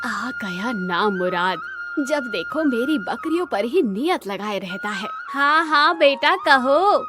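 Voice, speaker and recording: A woman's voice: high voice, sing-song, slow pace, music in the background, full character voice. A woman voicing a stubborn, loving old grandmother, scolding and grieving in a cartoon story. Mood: stern. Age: over 60.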